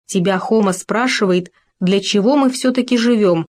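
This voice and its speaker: A woman's voice: mid-range voice, moderate pace, darkish tone, lightly acted. A woman reading a storybook, voicing a stingy, bossy male hare who blurts out answers.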